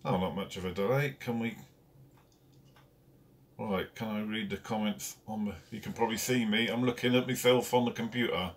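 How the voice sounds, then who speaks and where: A man's voice: fairly low pitch, moderate pace, a little hiss or hum. A man hosting a casual live stream from home, chatting and greeting viewers one by one by name. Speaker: carp fishing channel host. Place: at home, indoors.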